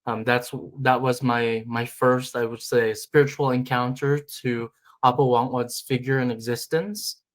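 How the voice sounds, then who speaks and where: A Filipino man with a middle-pitched voice speaks as a filmmaker guest in an interview. His delivery is reflective and unhurried, with fairly even intonation, and he pauses on "um" and restarts phrases as he collects his thoughts, so the talk is thoughtful and full of fillers.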